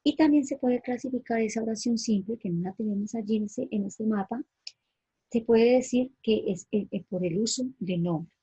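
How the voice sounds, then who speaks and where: A woman teaches a grammar lesson to her class. Her voice is dark and mellow, with a strongly husky, breathy grain. She explains patiently and keeps asking the students whether they follow. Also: a little high, moderate pace, no echo, low-quality recording. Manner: patient, explanatory, checks understanding with "¿sí?".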